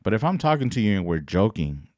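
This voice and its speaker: Brief: low-voiced man, slangy rambling podcast commentary, dry close sound. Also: very animated, quick pace, a little mellow, no room sound. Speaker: podcast host. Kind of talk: casual commentary.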